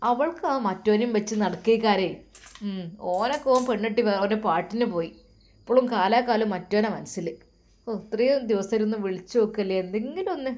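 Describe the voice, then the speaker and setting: A woman's voice: mid-range voice, fairly quick, darkish tone, lightly acted. A woman voicing a complaining, self-pitying mother who scolds and grumbles in a Malappuram Malayalam accent. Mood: grumbling.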